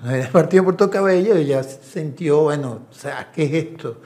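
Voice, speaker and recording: Speaking at normal speed in a voice on the high side, this middle-aged man works as an assistant coach and video analyst. In a relaxed interview he spins lively anecdotes, performing the voices of those he quotes.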